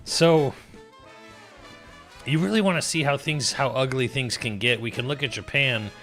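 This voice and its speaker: A man's voice: mid-range voice, normal speed, a bit bright, faint music behind. A man streaming live, talking in a rambling, profane and sardonic way, restarting sentences often. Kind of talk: casual livestream commentary.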